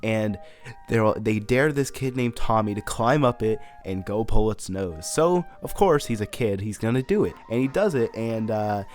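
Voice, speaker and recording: A young man hosting a casual cartoon commentary, animated and emphatic with slangy asides. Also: on the low side, normal speed, soft background music. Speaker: cartoon reviewer, channel host.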